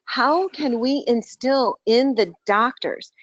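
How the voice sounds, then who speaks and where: A woman's voice: a little high, slow pace, no room sound. A woman speaking as a dental practice coach on a group voice call, outspoken and emphatic. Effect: heard over a group voice call. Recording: dull lo-fi call audio.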